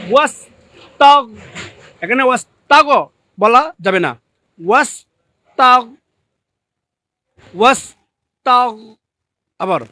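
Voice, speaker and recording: A man teaching Quran recitation in a live online lesson, stretching each model word slowly between brisk explanations, and growing loud and emphatic when he corrects mistakes. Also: high-pitched.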